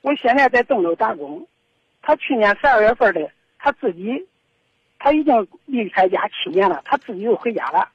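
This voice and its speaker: Husky middle-aged woman on the phone. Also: mid-range voice, animated, moderate pace, no echo. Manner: aggrieved, rambling with repeated restarts. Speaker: caller. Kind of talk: phone-in confession. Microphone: telephone. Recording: dull lo-fi phone line.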